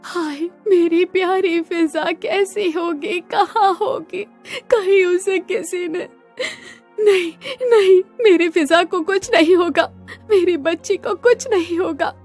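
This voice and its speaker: A woman's voice: sits high, expressive, a little slow, faint music behind. A woman voicing a stubborn, loving old grandmother, scolding and grieving in a cartoon story. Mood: weeping. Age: over 60.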